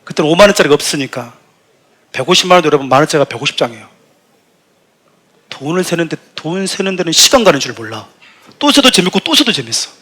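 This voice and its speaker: A man's voice: a little high, quick pace, long pauses, slightly rough. A middle-aged man, the senior pastor of the church, preaching a sermon full of funny stories and acting out quotes with raised voice. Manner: animated storytelling, acts out shouted quotes. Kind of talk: sermon with humorous anecdotes.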